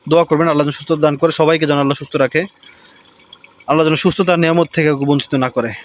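A woman's voice: low voice, steady tone, racing. A woman vlogger talking casually while she cooks at home. She chats with her viewers, asks them to comment, and plays along with a small child. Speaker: family vlogger. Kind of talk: casual home cooking vlog.

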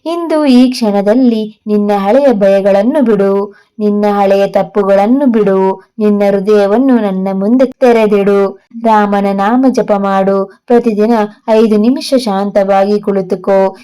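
A woman giving a gentle devotional message in a divine first-person voice, soothingly calling the listener "child" again and again. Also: medium pitch, steady tone, slow, smooth, rough recording. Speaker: devotional tarot channel host.

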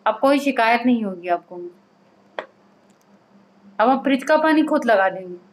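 Woman, wife in a home vlog, soft coaxing and pleading, higher voice, faint room noise. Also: animated, unhurried, poor audio. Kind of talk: casual home conversation. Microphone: camera set up in front.

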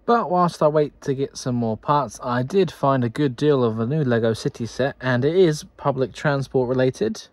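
At a normal speed and with hardly any pauses, a man with a medium-pitched voice talks his way through a Lego build. The channel host's narration over the footage is casual, upbeat and full of thinking aloud, with no room sound.

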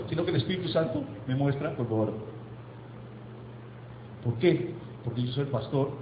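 A man preaching as pastor, emphatic, asking rhetorical questions and slowing down for effect. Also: fairly high pitch, roomy sound, dull audio, background noise. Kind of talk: sermon. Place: church sanctuary.

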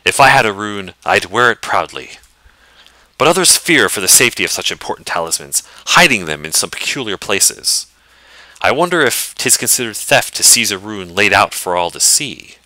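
A raspy knight lord of a fantasy game, as a man reads him out. He speaks with formal, archaic courtesy. The voice is low and bright, recorded close and dry. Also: sing-song, moderate pace, no room sound, heavily acted, rough recording. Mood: courteous. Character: muscular male knight, lord of a castle.

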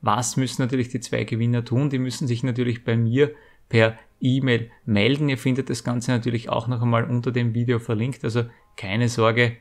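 A man's voice: mid-range voice, level tone, fairly quick. A middle-aged man, hosting a video and announcing a giveaway in a wordy, informal explaining way. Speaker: YouTube channel host. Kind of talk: scripted giveaway announcement to viewers.

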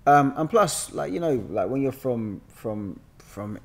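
A London man in his thirties, a guest actor, tells stories casually into a boom-arm podcast mic in a bright room with a sofa. His medium-pitched voice is expressive, a little slow, and creaky.

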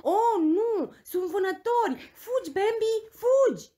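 A woman voicing an anxious, caring mother deer who cries out high and urgent in a storybook tale. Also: wildly swooping pitch, dark tone. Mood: alarmed.

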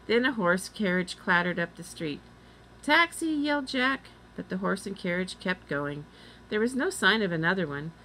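Woman reading a kids chapter book aloud, lowish voice, steady, faint hiss behind. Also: normal speed, poor audio. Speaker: reader. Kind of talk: storybook read-aloud.

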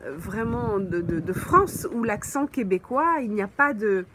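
A woman teaching French on a live stream, slowly answering viewers' comments with frequent pauses and fillers, from a holiday mobile home. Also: medium pitch, expressive, noisy background. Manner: slow, patient, thinks aloud with many fillers.

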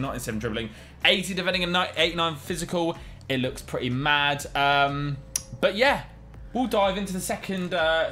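A man's voice: on the high side, sharp tone. A British man in his twenties hosting a video with casual gaming commentary. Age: 20s. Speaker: gaming YouTube host. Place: small room at home.

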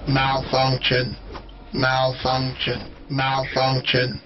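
An actor voicing a malfunctioning male robot in a video game that repeats error codes in a flat, mechanical way. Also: medium pitch, drawn-out words. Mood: glitching. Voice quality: flat, monotone, repetitive. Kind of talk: video game enemy voice lines. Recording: dull lo-fi game audio with music behind.

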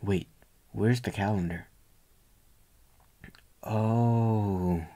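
In a soft ASMR roleplay, a young man plays a tender, doting boyfriend, gentle, coaxing and reassuring, his breathy voice often close to a whisper. His voice sits lowish and he draws out his words. The mood is teasing and puzzled.

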